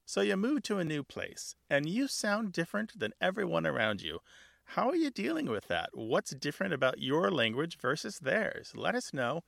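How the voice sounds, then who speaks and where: A man in his fifties with a gravelly, fry-laced voice co-hosts a radio show about words. He talks in a chatty, knowledgeable way and laughs easily. The sound is close and dry, with no room behind it. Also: fairly high pitch, huge pitch swings, normal speed, a bit bright, dry recording. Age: 50s. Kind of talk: relaxed radio conversation about language.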